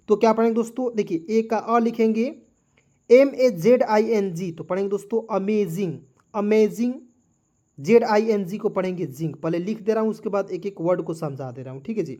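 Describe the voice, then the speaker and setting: In a high-pitched voice with a dark tone, a male English teacher leads a beginner lesson, breaking words into letters and frequently asking "clear?" or "okay ji" to check that people are following.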